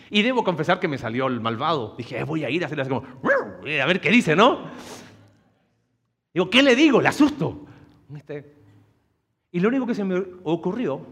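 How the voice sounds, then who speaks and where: Animated preacher man in a reverberant hall. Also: sits high. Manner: animated storyteller, acts out quoted voices; softer, earnest in closing prayer. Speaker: pastor. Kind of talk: sermon with personal story.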